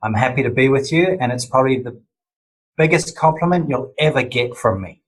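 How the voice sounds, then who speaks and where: A man with a husky voice, chatting casually as a podcast guest in a jokey, teasing way. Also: medium pitch, lively intonation, fairly quick, rough recording. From New Zealand. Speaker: podcast guest, business owner. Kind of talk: casual chat.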